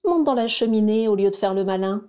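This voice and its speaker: A woman voicing a cheerful, affectionate mother who gently coaxes her children in a storybook reading. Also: medium pitch, brisk, smooth, close to an everyday voice. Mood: cheerful coaxing.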